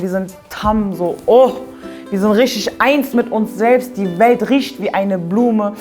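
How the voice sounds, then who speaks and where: A woman's voice: mid-range voice, a little mellow. A young woman hosting a comedy video, telling stories to the camera in a playful, exaggerated way. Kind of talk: comic storytelling to camera.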